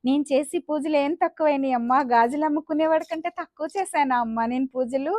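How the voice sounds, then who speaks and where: A woman's voice: high-pitched, fast talker, darkish tone, no echo, clean studio sound, close to an everyday voice. A woman doing a weeping old priest. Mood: tearful pleading. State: crying. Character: elderly male priest, devoted, weeping to goddess.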